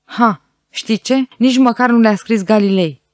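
A woman's voice: fairly high pitch, a little mellow, dry recording, clean studio sound, pitched above the performer's own voice, natural voice. A woman voicing a young female scientist who speaks bluntly and matter-of-factly.

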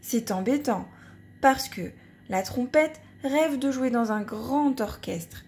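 A woman reading a children's storybook aloud. Her voice sits a little high and swings widely in pitch, playful and animated like a storyteller. She tells it expressively, speaking straight to a young listener. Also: takes it slowly. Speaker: storybook reader. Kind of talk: expressive read-aloud narration.

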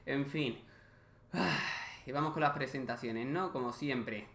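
A man's voice: medium pitch, measured pace, fairly bright tone, echoey room. A man from hosting casual let's-play commentary, talking straight to his viewers, exasperated and swearing often. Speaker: gaming video host.

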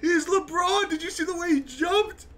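A live streamer giving excited reaction commentary, yelling, laughing and swearing in bursts. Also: very high-pitched, normal speed. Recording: steady background noise.

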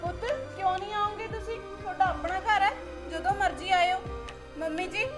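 An actress playing a kind daughter-in-law who gently pleads with her mother-in-law in a short drama. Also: very high-pitched, fairly even intonation, normal speed, over loud music. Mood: pleading.

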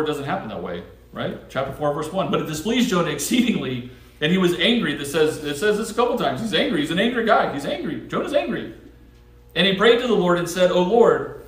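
A man preaching a casual, conversational sermon, reading Bible verses aloud, joking and asking the congregation questions. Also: fairly high pitch. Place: church sanctuary. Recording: roomy church recording from a distance.

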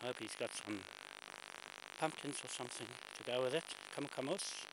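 An older man, out of breath and chatting as he films a walk down a bush stairway, often clearing his throat. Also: mid-range voice, a little fast. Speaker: vlogger filming a walk. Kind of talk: casual walking commentary. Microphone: handheld camera mic. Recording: loud hissy camcorder audio.

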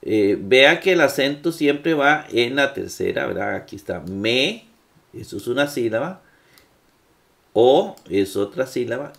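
A man's voice: mid-range voice, gravelly, fairly bright tone. A man teaching Greek grammar in a classroom lecture, patient and full of fillers. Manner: slow, patient, with many fillers and checks.

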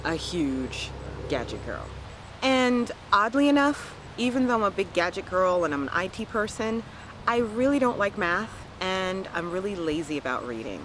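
A woman's voice: mid-range voice, moderate pace, slight background noise, poor audio. A woman in her forties from the Washington, D.C. area, chatting playfully to camera outdoors and laughing often. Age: 40s. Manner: playful, laughs often, lively self-mocking asides. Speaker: vlogger. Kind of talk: casual chat to camera. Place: outdoors on a lawn by trees. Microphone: camera mic at close range.

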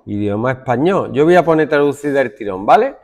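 A man's voice: mid-range voice, expressive, a little fast, a little mellow. A male computing teacher demonstrating code to a class, thinking aloud as he works and making stern asides to his students.

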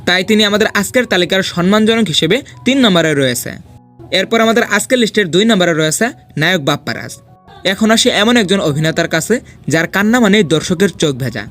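A man's voice: sits high, expressive, fast talker, a bit bright, soft background music. A man hosting a film ranking video, reading a scripted voice-over in a dramatic, persuasive countdown style.

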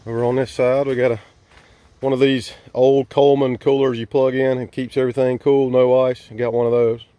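A man's voice: medium pitch, little pitch movement, a little fast, warm tone, dry recording. Laid-back guy showing off his camp tent, folksy, lots of uh's, handheld camera. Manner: easygoing, folksy, hesitant with fillers. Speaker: vlogger giving a campsite tour. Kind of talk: casual walkthrough narration. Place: campsite outdoors and inside a large tent. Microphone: handheld camera mic, filming himself walking.

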